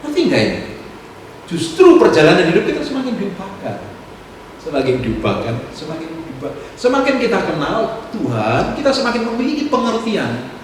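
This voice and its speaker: A man, a pastor preaching a sermon, swinging from loud exhortation to soft asides. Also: sits high, huge pitch swings, normal speed. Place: church hall. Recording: echoey church hall, distant mic, noisy room.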